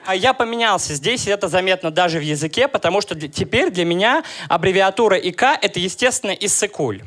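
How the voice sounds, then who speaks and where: High-voiced Russian comedian on stage. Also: male voice, quick pace. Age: 30s. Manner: deadpan, ironic jokes with crowd work. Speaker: stand-up comedian. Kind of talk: stand-up comedy set.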